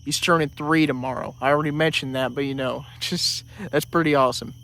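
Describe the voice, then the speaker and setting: A man's voice: on the high side, fairly even intonation, fairly quick, bright, forceful tone. A man vlogging outdoors in a casual, rambling way, full of fillers and restarts, a little out of breath. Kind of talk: casual vlog talk.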